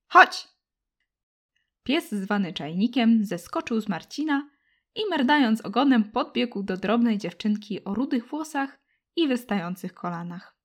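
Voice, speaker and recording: A woman reading a children's story aloud with gentle, expressive narration. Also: a little high. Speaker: audiobook narrator.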